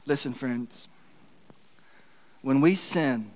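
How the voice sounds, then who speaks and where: A man's voice: mid-range voice, drawn-out words, darkish tone, big-room sound. A man preaching a sermon as pastor, earnest and emphatic, building his points through repeated phrases.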